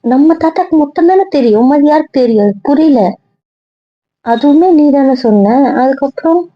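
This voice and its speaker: A woman voicing a hurt young woman who questions her partner with quiet reproach. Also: sits high, lively intonation, normal speed, no room sound, lo-fi sound. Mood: teasing. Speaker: young wife or girlfriend. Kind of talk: Tamil audio drama acting.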